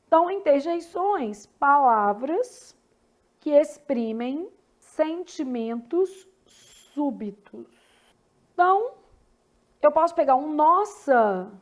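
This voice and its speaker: Woman, Brazilian accent, high-pitched, grammar teacher, conversational explaining, online lesson. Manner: explanatory, conversational, frequent tag questions. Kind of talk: online exam-prep lesson.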